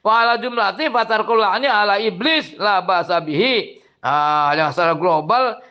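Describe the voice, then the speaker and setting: High-voiced Cirebon-accented man teaching scripture. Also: normal speed, smooth, dull audio. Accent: Cirebon Javanese-tinged Indonesian. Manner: animated, exclaiming and chuckling often. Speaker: Islamic boarding school teacher. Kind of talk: reading and explaining a classical religious text.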